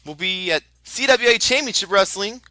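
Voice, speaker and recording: A man's voice: high voice, animated, normal speed, bright, forceful tone, no room sound. A man working as a lucha libre announcer, calling wrestling moves and slipping in promotional plugs in a chatty, informal, exclamatory way.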